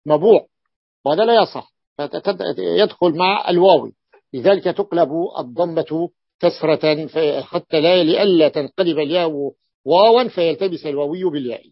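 A man's voice: on the high side, vocal fry, husky, dry recording. Levantine man teaching, repeats words, dull dry recording. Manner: repeats key words slowly, thinks aloud with fillers. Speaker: sheikh teaching Arabic morphology. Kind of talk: classroom lesson explaining a text.

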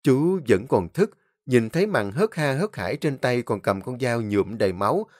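Expressive male storyteller. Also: medium pitch, normal speed, no room sound, clean studio sound. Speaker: narrator. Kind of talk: dramatic story narration.

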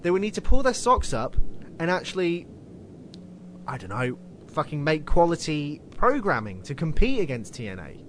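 A man's voice: on the high side, huge pitch swings, normal speed, fairly bright tone, slight background noise. A man hosting a casual wrestling podcast, swearing casually and laughing at his own slips. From United Kingdom. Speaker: podcast host.

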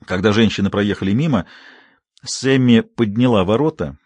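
A male audiobook narrator reading a novel in a steady, even storytelling delivery, recorded in a studio. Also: lowish voice, normal speed, no echo. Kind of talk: scripted narration.

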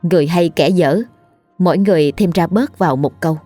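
A woman narrating a ghost story in a steady, scripted read. Her voice sits low and close, and the room is dry. Faint background music plays throughout. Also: fairly quick, dry recording.

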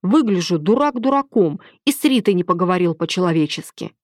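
A woman's voice: on the low side, animated, brisk, darkish tone, no echo, clean studio sound, natural voice. A woman reading aloud, voicing a tired, irritable lawyer in his mid-forties who sounds reluctant and guarded. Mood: weary. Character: weary middle-aged man, lawyer, forty-five.

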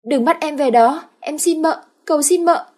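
A woman's voice: sits high, normal speed, dark tone, voice pushed up, close to an everyday voice. A woman voicing a terrified young peasant wife who begs desperately. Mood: pleading. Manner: begging, desperate.

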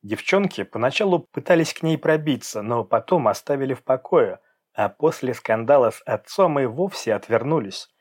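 A man reads a story aloud as audiobook narration. His delivery is even and measured, at a mid pitch for a man.

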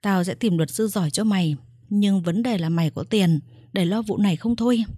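A woman voicing a loyal female friend who reasons calmly and offers help. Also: mid-range voice, brisk, slightly rough, no echo, clean studio sound, close to an everyday voice. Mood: calming. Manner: reasoning, calming.

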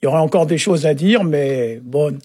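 Male radio language expert, husky and halting, very dry sound. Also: on the high side, lively intonation, warm tone, no room sound. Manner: halting, often adds "hein" and "euh". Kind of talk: relaxed explanatory radio chat.

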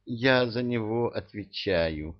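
A man's voice: on the low side, measured pace, breathy edge, dull audio. A man voicing a proud, headstrong young princess who speaks indignantly in an audiobook. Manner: indignant, sly.

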